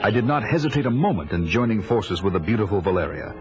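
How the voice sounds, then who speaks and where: A man's voice: lowish voice, animated, quick pace, muffled recording, music in the background, close to an everyday voice. An actor playing a bold, fearless barbarian hero who tells his own adventure in a grave, dramatic, archaic way for an audio drama. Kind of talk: audio drama narration and dialogue.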